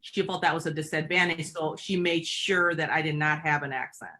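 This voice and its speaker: A middle-aged woman from Michigan, USA, with a Michigan accent, tells personal stories as an interview guest, reflective and full of fillers. Her voice is low-pitched, bright and forceful, with fairly even intonation and a slightly fast pace.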